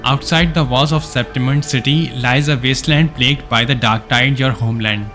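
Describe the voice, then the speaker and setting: While streaming a game, a man with a medium-pitched, somewhat bright voice reads the story text aloud at a moderate pace, then breaks off into casual, chatty reactions. Faint music plays behind him.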